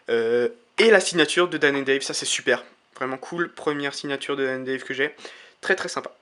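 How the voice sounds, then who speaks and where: A man giving casual, enthusiastic unboxing commentary to his viewers, pausing often with hesitations and praising everything he shows. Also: a little high, bright, forceful tone. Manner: enthusiastic, keeps calling things magnificent, frequent hesitations. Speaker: YouTuber unboxing playing-card decks.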